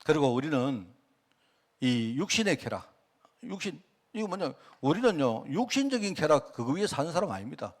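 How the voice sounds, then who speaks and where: A male pastor giving a sermon in a chatty, engaging way. His voice sits a bit high for a man and swings up and down a great deal. He keeps checking in with the congregation through rhetorical questions, and his speech carries dialect turns of phrase. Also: big pitch swings, moderate pace.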